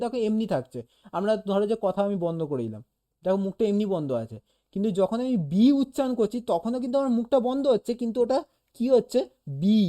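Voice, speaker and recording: An animation teacher with a warm, mid-range voice gives a relaxed one-on-one lesson. He explains patiently, voices sounds aloud as demonstrations, and keeps checking in by asking "okay?"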